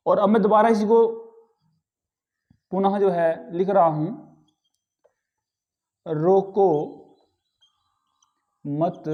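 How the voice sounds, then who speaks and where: A man's voice: high-pitched, muffled recording. A man teaching a grammar lesson, explaining step by step and often checking in with his class. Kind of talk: classroom lecture.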